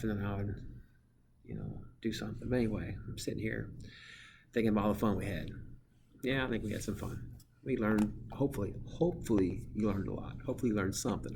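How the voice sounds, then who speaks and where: Low-voiced goofy male teacher. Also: creaky, noisy background. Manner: goofy, rambling, playfully mimics students in high voices. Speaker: middle school social studies teacher. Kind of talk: casual farewell message to students. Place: empty classroom.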